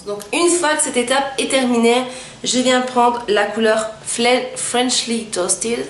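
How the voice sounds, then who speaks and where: A young woman chatting her way through a makeup tutorial, pausing often with little fillers as she explains each step. Her voice bounces around a roomy, echoey space, with a faint hum of ambient noise underneath. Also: a little high. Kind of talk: casual makeup tutorial narration.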